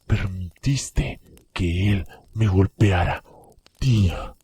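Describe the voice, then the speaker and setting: A man voicing a delirious, bitter young man who accuses his brother in halting, repeated phrases, breaking into breathy harsh whispers, in a dramatic horror story. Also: sits low, dark tone, heavily acted. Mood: bitter, accusing.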